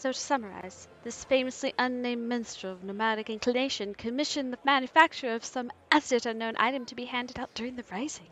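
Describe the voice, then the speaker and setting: A woman's voice: fairly high pitch, a little fast, few pauses, natural voice. A woman voicing an eager, cheerful young female reporter who is always chasing an interview. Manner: bright and eager.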